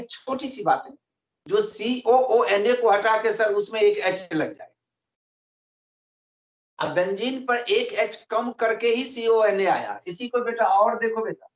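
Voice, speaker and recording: Male chemistry tutor, high and patient, over a roomy, muffled video call. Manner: patient, calls students "beta" constantly. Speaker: chemistry teacher. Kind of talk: online class lesson.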